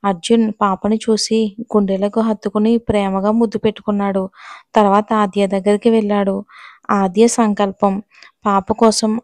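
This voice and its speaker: Woman storyteller reading a serialized romance, even and unhurried, little lift in pitch, close and dry. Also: no room sound. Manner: even, steady narration with short direct asides to listeners.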